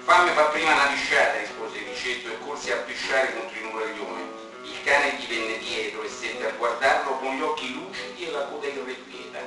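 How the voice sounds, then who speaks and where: A man reading a literary passage aloud, calm and measured, at a middle pitch. He sounds set back from the mic in a spacious, ringing room. Guitar music plays clearly behind him. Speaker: reader. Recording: distant, roomy reverb, guitar music behind.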